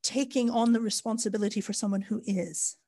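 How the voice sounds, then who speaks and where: A Canadian-accented woman co-hosts a podcast with a mellow, steady, mid-range voice and a brisk pace. In casual chat she gives long, thoughtful explanations with some ums.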